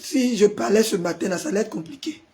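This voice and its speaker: A pastor hosting a live stream, hoarse from a sore throat and forcing his voice out as he chats with viewers and answers their comments. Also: high-pitched, quick pace, a little mellow. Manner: chatty, greets viewers by name and answers comments.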